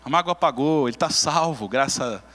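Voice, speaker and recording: A man playing a bustling, self-assured woman who solves every problem herself, speaking in a brisk, complacent tone. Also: medium pitch, lively intonation, pushed and bright. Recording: long church reverb.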